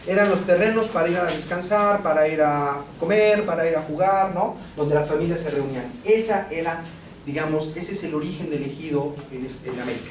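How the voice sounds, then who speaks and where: A man's voice: a little high, brisk. A Mexican man giving a casual, anecdote-filled law lecture to a class, peppering his talk with rhetorical questions. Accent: Mexican Spanish. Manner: conversational, anecdotal, frequent rhetorical "¿no?". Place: university classroom. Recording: echoey classroom, distant mic, noisy.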